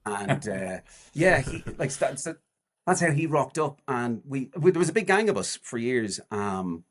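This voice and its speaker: A man in his forties, a charity walker appearing as a podcast guest, chats casually in a mid-range voice with big pitch swings and a slightly slow pace. He rambles, restarting often and using lots of fillers.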